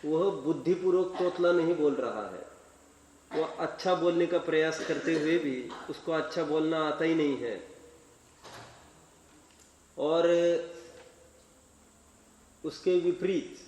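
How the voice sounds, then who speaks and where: A man giving a Jain sermon, telling stories slowly and expressively, with many rhetorical questions to his listeners. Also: on the high side, a little mellow. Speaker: Jain preacher. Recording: echoey hall, voice from far off.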